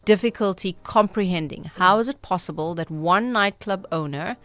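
A woman with a Durban Indian South African accent speaking as a radio interview guest, earnest and measured, with formal, emphatic wording. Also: medium pitch, a bit bright, no room sound. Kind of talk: radio interview, reflective storytelling.

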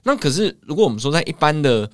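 A man's voice: a little high, big pitch swings, quick pace, no room sound, clean studio sound. A man with a Taiwanese Mandarin accent co-hosting a bilingual English lesson, explaining words chattily and ribbing his co-host. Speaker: podcast co-host and English teacher.

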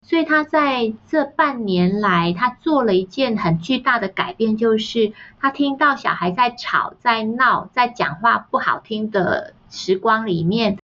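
Woman telling lively family stories. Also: fairly high pitch, unhurried, few pauses. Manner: lively anecdotes, mimics family members' voices. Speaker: parenting author and podcast guest. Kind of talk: storytelling in a podcast interview. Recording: slightly dull, muffled sound.

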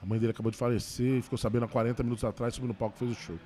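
A man, a stand-up comedian, telling a personal story in a casual interview, with quick emotional restarts. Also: mid-range voice, little pitch movement, mellow, a little hiss or hum. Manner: fast, emotional retelling with many restarts.

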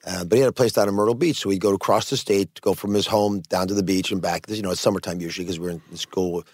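A man's voice: deep voice, steady tone, racing, a little mellow, dry recording, studio quality. A man hosting a talk show, earnestly putting questions to his guest.

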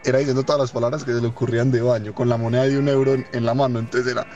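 Young guy rattling off a story super fast, mid pitch, amused, faint music behind. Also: level tone, mellow, muffled recording. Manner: rapid, rambling, amused. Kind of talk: casual anecdote.

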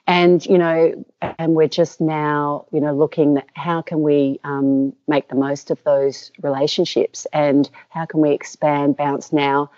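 A woman's voice: low voice, little pitch movement, unhurried, mellow, no room sound. A middle-aged Australian woman, a company co-founder telling her story in an interview, rambling with many fillers and restarts. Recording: dull lo-fi sound.

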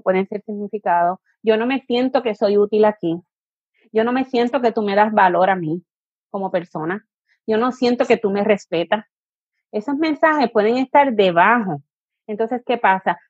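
A fairly high-voiced woman explains parenting ideas as an interview guest. She talks in an explanatory way and now and then acts out a parent or a child. The sound is dull and lo-fi, with a dry and close room. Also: darkish tone, breathy edge, no room sound. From Puerto Rico. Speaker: positive discipline educator and coach. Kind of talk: interview answers.

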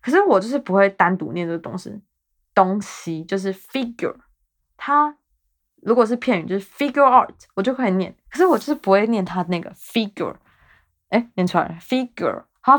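Chatty young Taiwanese-accented woman. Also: mid-range voice. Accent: Taiwanese Mandarin. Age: 20s. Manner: chatty and self-mocking, rambling asides. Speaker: podcast host. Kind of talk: casual solo chat.

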